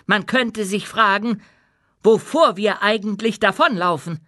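A commanding dwarf queen booms out a rousing speech to her people in an audiobook, as a male narrator puts her on. The voice sits high and bright, and the room is close and dry. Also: measured pace, dry recording. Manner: loud, proud, rousing oratory. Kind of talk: audiobook character voice.

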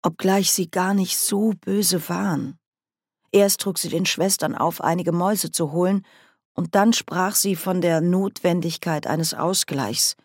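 A woman's voice: fairly low pitch, steady tone, measured pace, darkish tone, no room sound, clean studio sound. A woman reading an audiobook, voicing a frightened young woman with a plaintive, worried tone. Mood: hushed. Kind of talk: audiobook character voice.

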